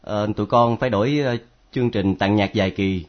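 Hesitant radio station worker played by a man, polite, mid-pitched, lo-fi. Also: fairly even intonation, a little fast, natural voice. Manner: hesitant, deferential. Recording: dull lo-fi recording.

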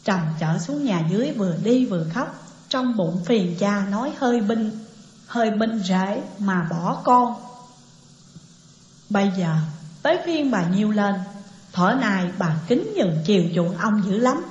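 A woman's voice: medium pitch, lively intonation, a little slow, darkish tone. Woman narrating a novel, echoey. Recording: echoey dull lo-fi recording.

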